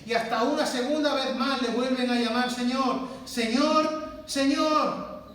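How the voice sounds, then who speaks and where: Emphatic preacher in an echoing church. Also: male voice, extremely high pitch, steady tone, normal speed, a bit bright. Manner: emphatic preaching, repeating words for stress. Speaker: pastor. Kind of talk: sermon. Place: church hall. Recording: very echoey church from far off.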